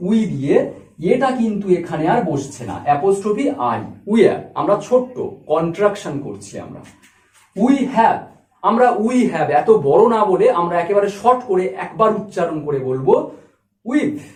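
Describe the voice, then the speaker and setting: A man teaching an English grammar lesson, explaining step by step and repeating each word slowly. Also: high voice, very animated. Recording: echoey room, voice from a distance.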